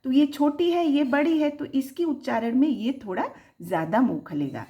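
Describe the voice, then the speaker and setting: A woman teaching young children, sounding out syllables slowly and lifting her voice on each example word. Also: high-pitched, expressive, warm tone, dull audio. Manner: slow, drawn-out, sounding out syllables; sing-song, rising on the example words. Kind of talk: children's Hindi lesson.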